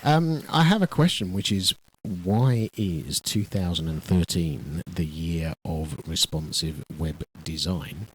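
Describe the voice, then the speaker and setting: A man's voice: low-pitched, animated, slow, hardly any pauses, husky. A man hosting a local radio show, chatty and joking, often repeating his words. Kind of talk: casual radio chat. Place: radio studio.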